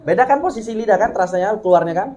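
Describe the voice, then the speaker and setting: A woman's voice: mid-range voice, animated, fast, mellow, muffled recording. A woman teaching Quran recitation, correcting pronunciation and demonstrating sounds over and over. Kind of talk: hands-on recitation coaching.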